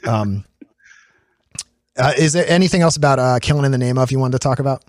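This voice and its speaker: A man's voice: medium pitch, normal speed, a little mellow, dry recording, studio quality. A man hosting a podcast. He talks through song lyrics in a casual, chatty way, with many ums and restarts. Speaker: podcast host.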